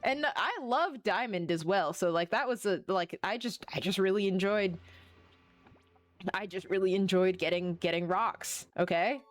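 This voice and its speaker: A woman's voice: mid-range voice, normal speed, soft background music. A woman streaming a game, chatting casually, rambling and often gushing as she plays. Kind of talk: casual live-stream chat while playing.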